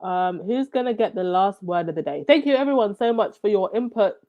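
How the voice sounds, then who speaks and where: On a lo-fi recording, a woman from Zambia chats casually on a livestream, her medium-pitched voice mellow despite a stuffy, runny nose. Reading viewer comments, she keeps up a chatty flow punctuated by quick laughs and exclamations of "wow."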